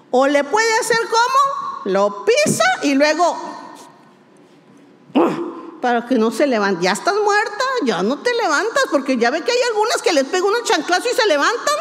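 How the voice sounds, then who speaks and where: A woman's voice: very high voice, a bit bright, slight background noise. A woman pastor, preaching emphatically, repeating key words and asking rhetorical questions. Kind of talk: sermon. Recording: long hall reverb.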